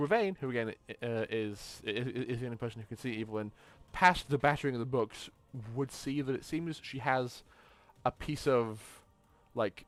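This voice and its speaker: A man narrating as game master, often stumbling and restarting his words. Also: medium pitch. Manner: stammering, frequent restarts.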